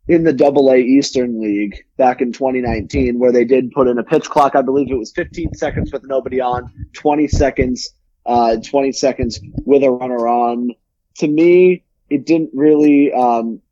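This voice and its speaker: A man co-hosts a casual sports podcast, circling his point with restarts and fillers. His voice is warm and mellow. The recording is dry and dull, like a lo-fi line. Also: mid-range voice, no echo. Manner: rambling, many restarts and fillers. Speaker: podcast co-host. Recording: dull, lo-fi sound.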